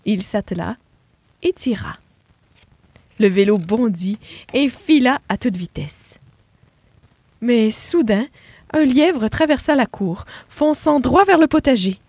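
A woman reading a children's picture book aloud with expressive, animated narration. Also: fairly high pitch, no echo. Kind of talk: storybook reading.

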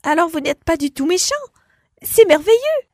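Squeaky brave little girl. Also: animated, unhurried, dry recording, full character voice. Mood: eager. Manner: bright, eager, squeaky child voice. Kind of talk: storybook reading.

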